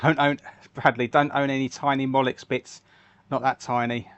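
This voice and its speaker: A man's voice: mid-range voice, little pitch movement, moderate pace, fairly bright tone, dry recording, muffled recording. A man hosting a live stream, chatting casually and answering viewer comments while he makes fishing lures. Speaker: livestream host making fishing lures.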